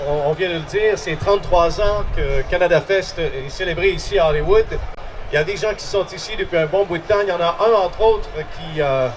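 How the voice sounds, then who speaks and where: A man speaking from an outdoor festival stage, halting with many fillers. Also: high-pitched, slight background noise.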